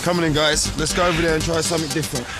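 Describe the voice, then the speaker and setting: An actor playing a football coach who barks short commands during a training session. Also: male voice, a little high, steady tone, rapid-fire, loud music behind the voice, lightly acted. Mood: urgent. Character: brisk male football coach. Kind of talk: TV drama acting.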